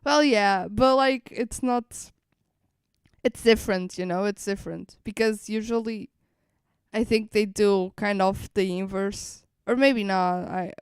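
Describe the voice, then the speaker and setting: Speaking at medium pitch and a little slowly, this woman has a clean tone captured in studio quality with no echo. She reacts casually to a game livestream, thinking aloud, rambling and repeating herself.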